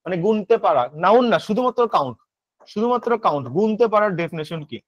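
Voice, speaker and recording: A male English tutor with a Bangladeshi accent teaches a grammar lesson, firing quick questions at students and answering them himself. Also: high voice, animated, no echo. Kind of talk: online admission-prep grammar lesson. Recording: slightly dull lo-fi audio.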